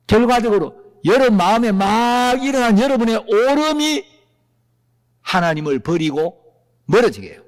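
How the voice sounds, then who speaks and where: Animated pastor preaching in a reverberant hall. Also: male voice, very high-pitched. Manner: animated, with rhetorical questions to the congregation. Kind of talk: sermon.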